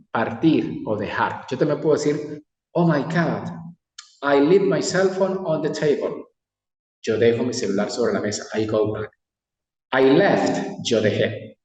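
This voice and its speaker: Man teacher going over english phrases real slow, mic a bit far, roomy echo. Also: medium pitch, darkish tone. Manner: slow, deliberate, exaggerated English pronunciation. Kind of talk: classroom lesson. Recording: echoey room, distant mic.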